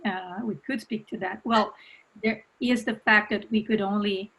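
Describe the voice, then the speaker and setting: A woman moderating a panel, speaking politely and haltingly as she passes questions on to the panelists. She leans on a lot of fillers. Her voice sits at an ordinary middle pitch. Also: steady tone, a bit bright, rough recording.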